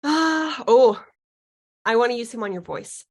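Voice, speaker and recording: A woman guiding a client through an unscripted healing session as a mystical healer, speaking in a halting, searching way with thoughtful pauses. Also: on the high side, expressive, breathy edge. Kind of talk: unscripted guided healing session, musing aloud.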